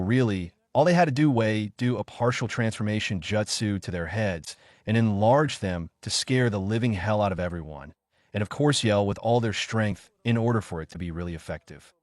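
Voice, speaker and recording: Low-ish male voice reading fan fiction, steady, slips on words now and then, dry close mic. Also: no echo. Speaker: reader.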